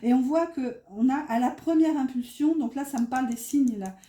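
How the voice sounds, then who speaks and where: A woman's voice: high voice, a little fast, dark tone. Hesitant woman reading tarot, northern French lilt. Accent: northern French (ch'ti). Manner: hesitant, many fillers, talks through card meanings. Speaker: tarot card reader. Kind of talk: casual tarot reading to viewers. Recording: echoey room.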